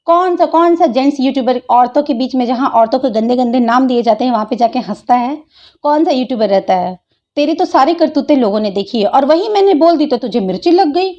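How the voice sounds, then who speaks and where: Scolding woman, mellow lo-fi voice. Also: high voice, expressive, a little fast. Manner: taunting, scolding, mocking. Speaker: YouTuber replying to a critic. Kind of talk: angry reply vlog.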